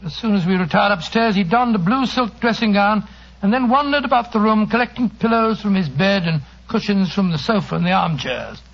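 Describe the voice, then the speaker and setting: An actor playing a genial English doctor and storyteller with a husky, gravelly voice and a bumbling manner, in old radio drama style. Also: male voice, sits high, a little fast. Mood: reflective. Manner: bumbling, stammering in dialogue. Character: older English doctor, genial, easily astonished sidekick and storyteller. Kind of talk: 1940s radio drama acting and narration. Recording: dull, lo-fi old radio recording.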